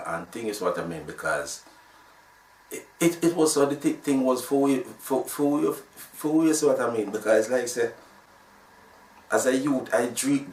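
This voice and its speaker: A man's voice: mid-range voice, far from the mic. A man in his sixties from Jamaica, with a Jamaican accent, telling his story in a rambling way full of restarts. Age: 60s. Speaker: sound system founder. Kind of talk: casual interview talk. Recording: roomy, from off the mic.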